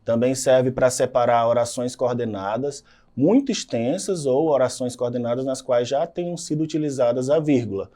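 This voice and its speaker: A man's voice: mid-range voice, moderate pace, mellow. A man with a Brazilian Portuguese accent, teaching a recorded lesson and checking in with "tá?" and "né?" tags. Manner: explanatory, frequent "tá?" and "né?" tags.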